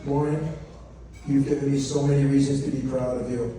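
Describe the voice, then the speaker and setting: A man's voice: mid-range voice, flat delivery, fairly quick, dark tone. A middle-aged man, the father of the bride, tells a humorous, anecdotal story in a prepared wedding speech, acting out the remarks he quotes. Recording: echoey room, distant mic, faint noise.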